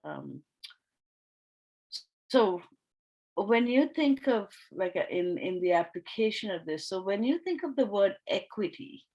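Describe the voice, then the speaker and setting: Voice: medium pitch, sing-song, unhurried, pauses often, darkish tone, dull audio. A facilitator from Sri Lanka leading an online workshop discussion over a video call, speaking thoughtfully with frequent fillers and restarts.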